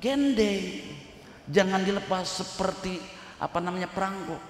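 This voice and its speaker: A man's voice: fairly high pitch, expressive, normal speed, fairly bright tone, slight background noise. A man with a Sundanese accent giving a humorous religious talk, acting out little dialogues in his stories. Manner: jokey, acts out little dialogues. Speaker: preacher. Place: large hall at a memorial gathering. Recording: echoey hall with long reverb.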